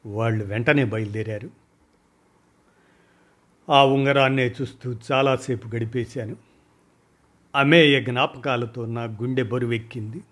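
Slow, deliberate male storyteller. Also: medium pitch, a bit bright. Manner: slow, deliberate, measured reading. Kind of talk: first-person story narration.

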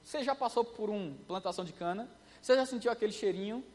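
A man preaching a sermon, telling a story in an animated way and acting out the voices. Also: sits high, fast talker, long reverb tail.

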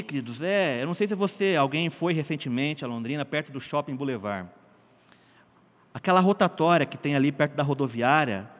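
Homem pregador animado, voz aguda. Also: male voice, high voice, fairly bright tone, long reverb tail. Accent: Brazilian Portuguese. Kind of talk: sermon-style personal testimony.

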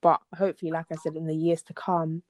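A woman's voice: deep voice, little pitch movement, fast, a little mellow, no echo. A young woman co-hosting a podcast, chatting casually and rambling with lots of fillers. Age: young adult. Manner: rambling, laid-back, with many fillers. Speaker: podcast co-host.

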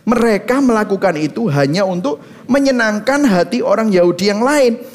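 A man preaching a sermon as pastor, animated, leading the congregation in reading and dropping in English phrases. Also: sits high, moderate pace. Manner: mimics congregants' reactions in quoted asides.

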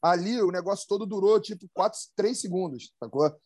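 Slangy, excited male surfer storyteller. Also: sits high, fairly quick, no echo, clean studio sound. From Brazil. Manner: slangy, excited, many restarts and sound effects. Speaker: professional big-wave surfer, guest. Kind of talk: casual storytelling in a podcast chat.

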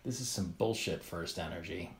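A man's voice: deep voice, moderate pace, a little hiss or hum. A man hosting a casual comedic podcast, rambling and exasperated, with swearing and a cave-like reverb on his voice. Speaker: podcast host. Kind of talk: casual comedic chat, recapping an animated show.

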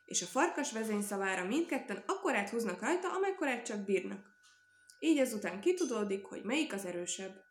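A woman reading a children's story aloud in a calm, even storytelling manner. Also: mid-range voice. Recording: echoey room.

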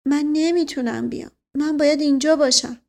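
A woman's voice: high voice, fairly even intonation, vocal fry, a little mellow, pitched above the performer's own voice. A woman voicing a fretful, lovesick young man who asks hesitant, pleading questions in an audiobook. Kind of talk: audiobook character reading.

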